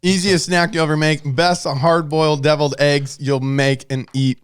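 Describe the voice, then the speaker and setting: Animated man co-hosting a podcast. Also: a little high, normal speed, smooth. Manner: animated, laughs often, talks with mouth full. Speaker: podcast co-host. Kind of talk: casual chat.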